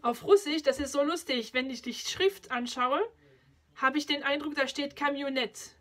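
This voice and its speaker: A woman from France, hosting a casual language chat, lively and quick to laugh. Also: high voice. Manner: lively, laughs often, switches between French and German. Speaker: host.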